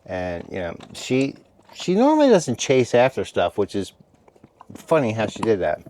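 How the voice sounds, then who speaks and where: A tired, relaxed man chatting casually to his viewers from inside a heated tent at night, rambling and stopping to talk to his dog. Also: on the low side, measured pace. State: tired after a meal. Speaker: camping vlogger. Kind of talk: casual vlog chat.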